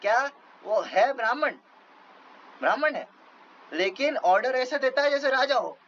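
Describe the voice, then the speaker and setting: A man's voice: extremely high pitch, lively intonation, moderate pace, a bit bright, muffled recording, pitched above the performer's own voice. Man voicing a cheeky young saint in a retold legend, teasing complaint, faint hum. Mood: indignant. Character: young playful holy man, cheeky and indignant.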